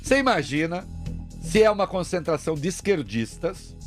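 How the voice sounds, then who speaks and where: A combative man from Brazil delivers talk radio commentary, his pitch leaping around as he mocks and scolds. He drops to grumbling asides and then bursts out loud. A faint music bed sits behind him. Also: sing-song, normal speed.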